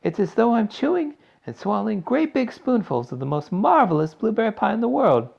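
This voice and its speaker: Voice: medium pitch, wildly swooping pitch, moderate pace, slightly rough, dull audio, voice pushed up, exaggerated voice. A performer voicing a brash, stubborn young girl in a storybook, boastful and gushing with emphasis. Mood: delighted gushing.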